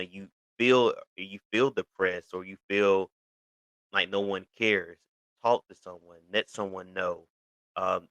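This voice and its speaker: A man's voice: low-pitched, pushed and bright, smooth, no echo, low-quality recording. A man of thirty hosting his own show, talking casually to camera and rambling with lots of "you know" fillers and restarts. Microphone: video recording for an online channel.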